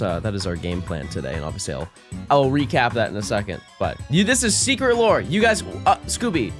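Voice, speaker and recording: A man livestreaming through a headset mic with a sore throat. He swings between hyped shouting and mock-sad mumbling. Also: medium pitch. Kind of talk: casual livestream chat. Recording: game music playing behind.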